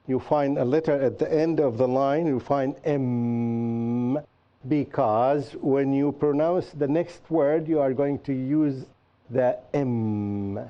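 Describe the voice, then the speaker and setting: A man teaching a class, often asking students what else they can name and explaining patiently with examples. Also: on the high side. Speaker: Qur'an teacher and show host. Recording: dull lo-fi recording.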